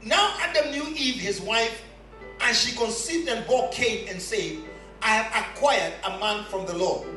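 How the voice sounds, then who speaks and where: A high-voiced man preaches with bright, sharp tone and a swooping, animated delivery. He pushes the congregation for answers and often breaks into shouts. His voice sounds echoey and a little far from the mic. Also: measured pace, faint music behind. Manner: emphatic call-and-response preaching, often shouting. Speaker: pastor. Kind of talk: sermon. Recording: echoey hall, voice away from the mic.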